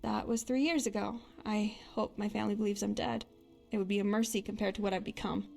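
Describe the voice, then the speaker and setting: An actress voices a bold but guilt-haunted young adventurer and hunter who travels as a companion in a fantasy game. Her medium-pitched voice is steady, fairly quick, creaky and a little mellow, sounding haunted and regretful yet conversational over music.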